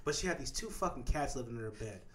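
A man's voice: medium pitch, lively intonation, fast talker, a bit bright, slight background noise. A man from Kansas telling stories casually and comedically, swearing a lot and acting out the voices of people he quotes. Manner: profane, joking, acts out quoted voices.

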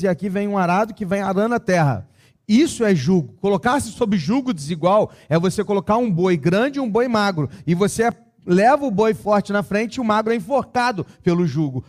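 A man preaching a sermon and telling a story, swinging between loud emphasis and quiet tenderness. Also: sits high.

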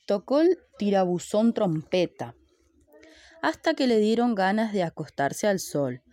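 A woman's voice: mid-range voice, big pitch swings, measured pace, dark tone, no room sound. A woman reading a children's story aloud with rhythmic repeated refrains.

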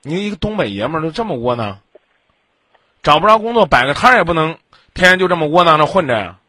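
Sharp, blunt Beijing-accented man, scolding. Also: on the high side, sing-song, fast talker, dry recording. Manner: blunt, scolding, rhetorical questions. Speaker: advice show host. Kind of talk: call-in relationship counselling.

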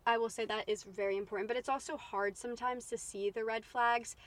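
A young woman with a slightly high voice chats casually as a podcast co-host. She adds her own memories and asks follow-up questions in an easy, conversational way. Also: fairly even intonation, fairly quick, dry recording. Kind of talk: casual chat.

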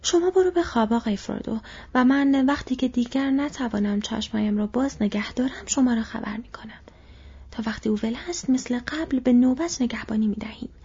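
A woman voicing a loyal, wary male hobbit servant in a whispered role-play of a storybook, with a raspy whisper. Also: a little high, darkish tone. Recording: dull lo-fi recording.

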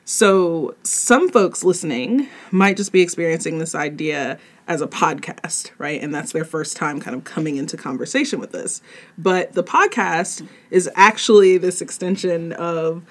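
Husky low woman podcast host. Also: normal speed. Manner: playful, laughing. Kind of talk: casual conversation.

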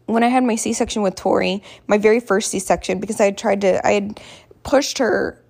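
A woman with a hoarse voice telling a personal story casually, in a candid, rambling, self-deprecating way. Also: medium pitch, fairly even intonation, moderate pace, darkish tone. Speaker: vlogger.

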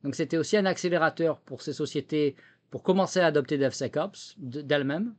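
Here a man from France speaks with a fairly high, slightly mellow voice at a brisk pace. Formerly a government official and now a tech entrepreneur, he explains things as an interview guest, frequently repeating words as he hunts for what comes next, in a French accent with a slight American tinge.

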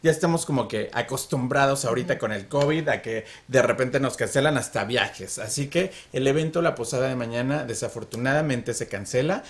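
A man's voice: mid-range voice, brisk, few pauses. A man from Mexico City with a Mexican accent, hosting a radio show in an upbeat, chatty way. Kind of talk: casual chat.

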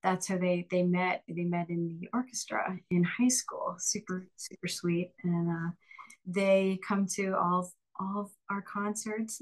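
A woman with a somewhat low voice chats easily in an interview. Her talk is upbeat and loose, full of little fillers and quick laughs. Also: low-quality recording. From Pennsylvania, Lehigh Valley. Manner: chatty, upbeat, often laughing, frequent fillers. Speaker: singer and bandleader, interview guest. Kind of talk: casual interview conversation.

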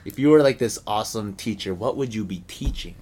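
A man's voice: on the low side, fairly quick, mellow, breathy edge. Laid-back joking male podcast host. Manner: laid-back, jokey, says "nice" a lot. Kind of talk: casual podcast interview.

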